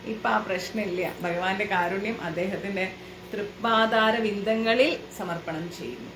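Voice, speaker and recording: A woman's voice: medium pitch, moderate pace, background noise. A woman giving a spiritual lecture to a class, asking the listeners questions and explaining with everyday examples. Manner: asks the listeners rhetorical questions. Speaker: devotional class teacher. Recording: echoey room.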